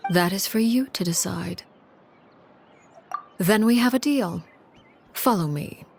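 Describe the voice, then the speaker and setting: An actress playing a cold, composed, menacing woman in a video game, speaking in a measured, formal, condescending way. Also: mid-range voice, vocal fry, a little hiss or hum. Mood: cool, calculating. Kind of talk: dramatic video game voice acting. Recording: music under the voice.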